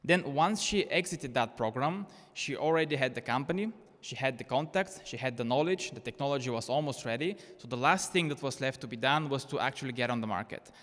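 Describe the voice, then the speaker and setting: In an echoey conference hall, a keynote speaker from Bulgaria, a native Bulgarian speaker, presents with a medium-pitched, expressive, slightly bright voice. He talks fairly quickly with few pauses, sounding earnest and persuasive while often restarting.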